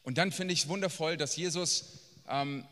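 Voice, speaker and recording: A man preaching a sermon, blunt and emphatic, swinging from quiet asides to near-shouting. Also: fairly high pitch, normal speed. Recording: long reverb of a large hall.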